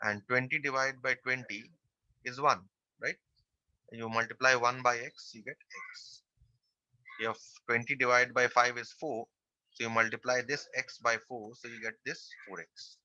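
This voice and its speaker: A man's voice: medium pitch, fairly even intonation, normal speed, sharp tone, dry recording, muffled recording. A man teaching a math class online, working through a percentages problem step by step and repeating the key phrases.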